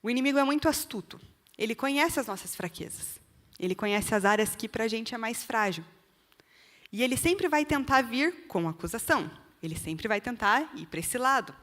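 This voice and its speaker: A woman with a Brazilian accent delivers a church testimony in an earnest sermon style, often speaking straight to her listeners. Her voice sits a little high for a woman. A long reverb from the church hall trails each phrase. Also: lively intonation, normal speed, a bit bright. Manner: earnest, direct appeals to the listener.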